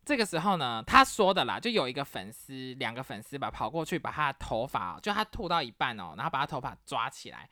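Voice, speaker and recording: Her bass voice races along with hardly a pause: a Taiwanese podcast host casually recounting family stories and dramatizing each family member's words. The audio is clean studio sound without any room echo.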